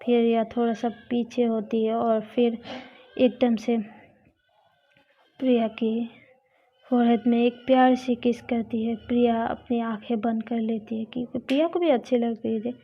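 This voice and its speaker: Woman narrator, slow storytelling, fairly high voice. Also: level tone. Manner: slow, plain retelling. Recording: dull lo-fi recording.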